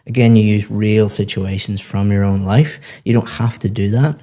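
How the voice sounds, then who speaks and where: A man with a low, mellow voice gives spoken feedback to a student. He coaches English test-taking and explains each point patiently and with encouragement. His tone stays calm and even. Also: normal speed.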